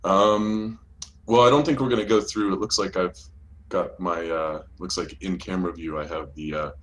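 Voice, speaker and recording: A man's voice: deep voice, fairly even intonation, moderate pace, a little hiss or hum, lightly acted, low-quality recording. A man as a hesitant blue alien co-host. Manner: hesitant, laid-back, many fillers. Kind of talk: comedic podcast talk.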